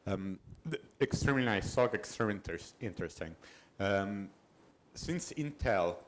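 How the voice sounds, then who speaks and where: A man in the audience asking a long question, pausing often with hesitant fillers. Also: on the low side, expressive. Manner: hesitant, many "uh" pauses.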